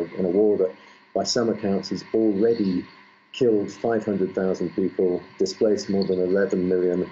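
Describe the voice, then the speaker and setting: A male correspondent reporting live over a low-quality stream link, halting, with many fillers and restarts. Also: mellow. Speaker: foreign correspondent. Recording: muffled lo-fi line with faint noise.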